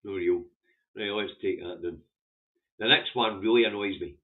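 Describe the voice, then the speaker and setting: A man's voice: on the low side, normal speed. Blunt Scottish man on a phone-like recording. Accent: broad Scottish. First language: Scots. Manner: blunt, sweary, rambling. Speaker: vlogger reviewing the day's newspaper front pages. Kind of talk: casual opinionated commentary. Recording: muffled phone-like narrow-band audio.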